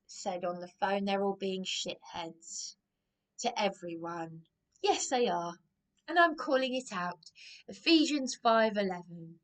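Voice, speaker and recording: A woman in an emotional, rambling monologue, agitated and repeating herself. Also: medium pitch. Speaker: vlogger.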